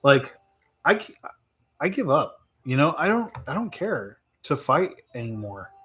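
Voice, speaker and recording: A man streaming live and answering viewer questions in a relaxed, rambling way, thinking aloud with plenty of fillers and laughs. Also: fairly high pitch, measured pace, slightly rough. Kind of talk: casual live chat.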